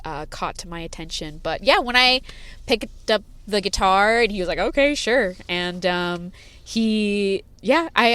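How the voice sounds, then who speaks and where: Chatting as a guest from a parked car, this singer-songwriter, who grew up with sign language as her first language, rambles casually with lots of fillers and laughter. Her medium-pitched voice is clear, resonant and a bit bright, with no room sound.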